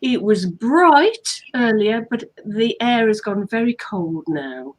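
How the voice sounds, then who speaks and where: A woman from England, an author and hypnotherapist, co-hosts a casual online chat in a fairly high, lively voice at a slow pace. She's chatty and playful and loves to tell stories.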